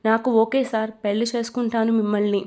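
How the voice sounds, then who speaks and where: Frightened young bride in a storybook reading, hesitant and fairly high, as a woman narrator reads her. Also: flat delivery, fast, a little mellow, lightly acted. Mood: resigned.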